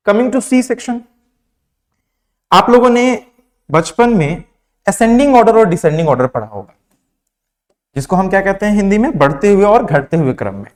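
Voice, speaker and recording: A man's voice: high-pitched, animated, moderate pace, long pauses. A young man from India teaching pronunciation in a classroom lesson, asking questions and answering them himself. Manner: asks questions then answers them himself, mixing Hindi and English.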